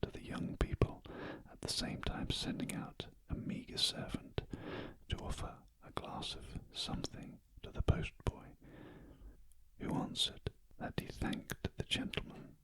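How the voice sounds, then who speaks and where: British man in a slow, gentle whisper. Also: dry recording, low-quality recording. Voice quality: soft, breathy, unvoiced whisper. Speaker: audiobook reader. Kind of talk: whispered ASMR storytelling. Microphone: close ear-to-ear ASMR microphone.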